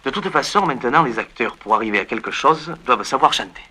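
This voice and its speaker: Young Provençal man, dry skeptic, fast-talking, husky bright tone. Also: medium pitch, expressive. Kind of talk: comic sketch dialogue.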